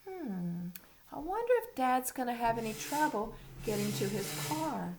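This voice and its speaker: A woman's voice: fairly high pitch, sing-song, unhurried, voice pushed up, rough recording. A woman voicing a plucky, proud little boy from a storybook, read expressively as if to a toddler. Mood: pondering.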